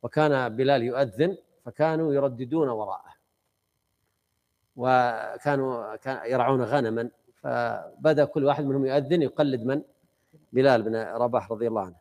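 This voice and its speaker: A man's voice: mid-range voice, a little fast, darkish tone. A man teaching a study circle, explaining a classical text conversationally and quizzing his students.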